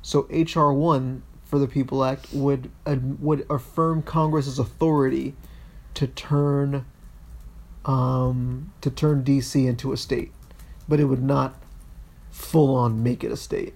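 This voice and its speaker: A man's voice: mid-range voice, steady tone, vocal fry, a little mellow. A man co-hosting a podcast, talking politics casually, often stopping and restarting his sentences. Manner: halting, restarts often, reads bill text aloud. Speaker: podcast co-host.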